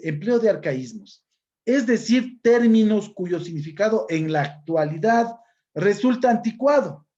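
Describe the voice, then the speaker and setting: A man's voice: high-pitched, mellow, highs cut off. A man from Ecuador with an Ecuadorian accent, teaching a class and explaining step by step, often checking in with his listeners. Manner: explanatory, often adds "¿no es cierto?". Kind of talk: recorded class lesson.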